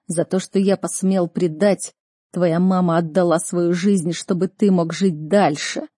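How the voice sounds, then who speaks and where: A woman voicing a broken, weeping older duke who speaks slowly and tiredly to his son. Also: high-pitched, fairly even intonation, warm tone, no room sound, studio quality. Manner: slow, sobbing, tired.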